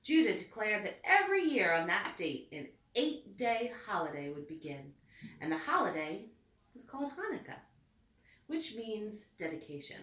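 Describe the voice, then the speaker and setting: Reading to kids, a woman gives a storybook expressive, unhurried phrasing in a medium-pitched voice. The sound is roomy with echo, picked up by a far-off microphone.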